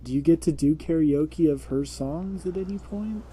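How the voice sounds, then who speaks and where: Crude joking man, somewhat high voice. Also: normal speed, mellow, breathy edge. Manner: crude joking, swears freely. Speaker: let's play co-commentator. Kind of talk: casual gaming banter.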